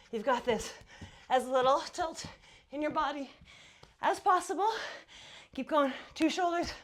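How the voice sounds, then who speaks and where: A woman out of breath from exercise, coaching a workout as an instructor with upbeat, urging encouragement and countdowns. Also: high-pitched. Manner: upbeat, encouraging, urging cheerleader-like pep talk. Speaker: fitness instructor.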